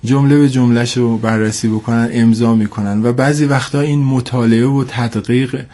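A man's voice: medium pitch, steady tone, warm tone. A man with a cold and a congested, stuffy nose, speaking formally and hesitantly as an expert guest in a radio interview, repeating points for emphasis. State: has a cold.

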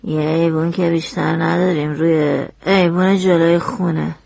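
An actress playing a frightened, rough young woman testifying in court, speaking haltingly and near tears. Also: low-pitched, little pitch movement, darkish tone, dry recording, full character voice. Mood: curt. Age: young adult. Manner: halting, tearful, sullen. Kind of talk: radio drama acting.

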